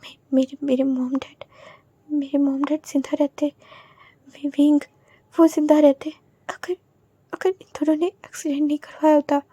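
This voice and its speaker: A woman voicing a heartbroken young man, speaking softly and haltingly, half in a whisper. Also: sits high, level tone, dry recording, natural voice. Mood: grieving.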